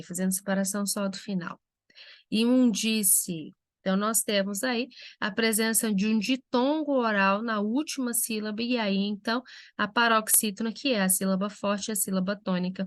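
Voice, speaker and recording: Teacher lady going thru grammar examples slow, dry close mic, middle pitch. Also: fairly bright tone, no room sound. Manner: slow, spelled-out examples for students. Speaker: Portuguese language teacher. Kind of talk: recorded lecture.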